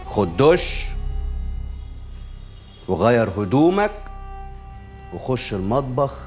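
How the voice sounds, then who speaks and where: An actor with an Egyptian accent playing a bossy husband who mockingly gives orders. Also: male voice, medium pitch, big pitch swings, slow pace, a little mellow, soft background music. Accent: Egyptian Arabic. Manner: mocking, commanding.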